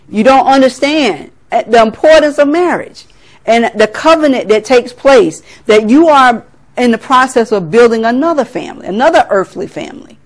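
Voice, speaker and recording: Middle-aged woman preaching, from south carolina, kinda high voice, laughs at herself a lot. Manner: earnest, laughs at herself, acts out family talk. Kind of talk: sermon.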